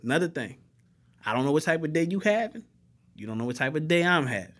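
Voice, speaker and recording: Young cop guy on a podcast, kinda high voice, slangy, cusses a lot, acts out both sides of traffic stops. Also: sing-song, fast, fairly bright tone. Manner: swears freely, slangy. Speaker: police officer guest. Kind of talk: casual podcast chat.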